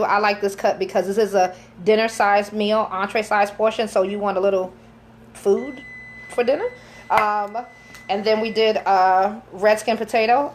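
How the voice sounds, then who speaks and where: A woman chef giving a live cooking demonstration in a kitchen, chatty and instructive, joking with her helpers, recorded on a phone camera. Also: medium pitch. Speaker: chef and caterer. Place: home kitchen, indoors.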